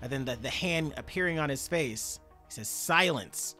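A man hosting a casual manga chapter review, chatty and animated, often calling his viewers y'all. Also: mid-range voice, a little fast, soft background music. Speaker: manga review channel host.

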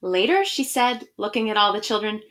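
Reading storybooks aloud for children online, an education director chats expressively and warmly with her young viewers from a small room at home. She has a mid-range, fairly bright voice with big pitch swings and a moderate pace.

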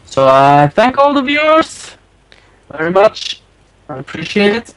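An easygoing young-sounding male gamer with a fairly high voice that swoops up and down as he talks. He chats casually with his friends and tosses in quick, agreeable replies. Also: sing-song, fairly bright tone, slight background noise, poor audio. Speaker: fellow player. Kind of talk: casual multiplayer gaming chat.

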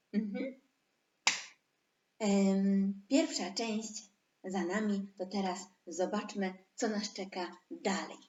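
A woman with a medium-pitched, darkish voice runs an online preschool lesson from an echoey room. She speaks slowly, dragging out words so the children can say them back.

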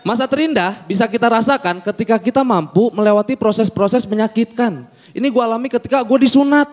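A young man performing an animated stand-up comedy set on stage, acting out the people in his stories. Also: very high-pitched, fairly quick. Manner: animated storytelling, acts out quoted people. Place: on a comedy stage before an audience.

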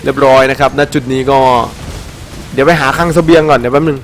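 A man giving excited let's-play commentary over a game, animated and playful, with frequent shouted exclamations and crude slang. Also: medium pitch, fast, a little hiss or hum. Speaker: gameplay commentator. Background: faint game music.

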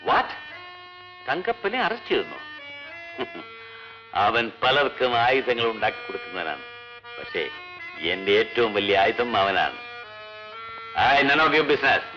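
A slow, sly crime boss. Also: male voice, mid-range voice, big pitch swings, pushed and bright, soft background music. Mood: scheming. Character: scheming male crime boss on the phone. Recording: dull old film soundtrack.

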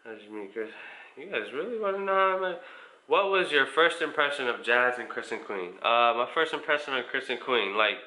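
Lively and a little fast, this man's mid-range voice is bright and forceful, captured on a rough recording. Around twenty and American, mainly from Indiana, he's indoors in his small living room, casually fielding viewer questions to camera in a relaxed way.

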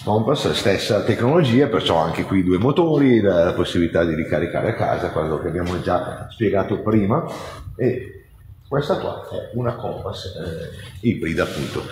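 A middle-aged man as a car salesman, explaining features in an informal, rambling infomercial sales pitch. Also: lively intonation, moderate pace, a little mellow. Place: large indoor car showroom. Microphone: phone camera a few steps away. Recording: echoey hall, background noise.

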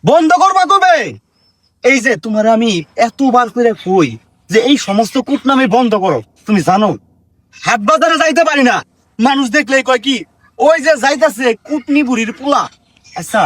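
Brief: high, fast-talking exasperated son, played by a man, lecturing and scolding, dry sound. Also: expressive, no room sound, heavily acted. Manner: exasperated, lecturing, rising to shouts. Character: exasperated grown son, scolding his gossiping mother. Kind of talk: comedy skit acting.

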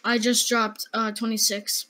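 A man's voice: high-pitched, monotone, measured pace, sharp tone. A guest gamer casually chatting during a match, often complaining about his aim. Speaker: gaming youtuber, guest. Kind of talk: casual gameplay chat.

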